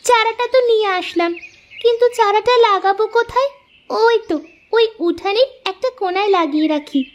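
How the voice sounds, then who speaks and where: For a moral-story cartoon, a woman voices a poor, earnest orphan girl from a village, exclaiming eagerly and talking aloud to herself. Her voice is extremely high and a little fast. The audio is dull, with music in the background.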